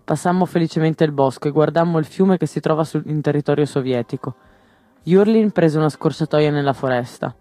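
A man's voice: fairly quick, dry recording, faint music behind. Man reading a novel, dry close sound. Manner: steady storytelling, lifts pitch for shouted quotes. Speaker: narrator.

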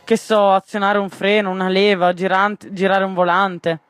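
A man's voice: high-pitched, flat delivery, moderate pace, fairly bright tone, clean tone, no echo, studio quality. A man voicing a harsh, grumpy grey bird. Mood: grumbling. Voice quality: harsh, scolding. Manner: huffy, lecturing. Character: gruff grey male bird, grumpy and doubtful. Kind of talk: storybook reading.

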